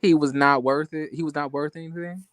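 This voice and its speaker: A man's voice: on the high side, steady tone, fairly quick, dry recording. Guy in his 20s chatting gossip, keeps restarting his sentences, dry sound. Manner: curious, hesitant, full of restarts. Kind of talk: casual gossip chat.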